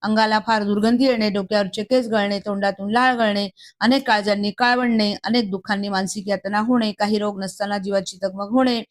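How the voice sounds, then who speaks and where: A woman's voice: medium pitch, fairly even intonation, fairly quick. A woman reading a devotional text aloud, moving steadily through a long list with small slips and restarts. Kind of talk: reading a Marathi scripture commentary aloud.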